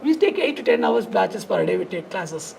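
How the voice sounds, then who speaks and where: A man with a South Indian accent and a gravelly, creaky voice, telling his story conversationally in loose, fragmented, repetitive phrases. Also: high voice, sing-song, moderate pace, a crowd in the background. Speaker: dance studio founder and teacher, podcast guest.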